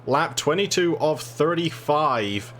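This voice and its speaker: A man's voice: a little high, animated, slow, a bit bright. A man working as a motorsport commentator, giving factual play-by-play of a live race.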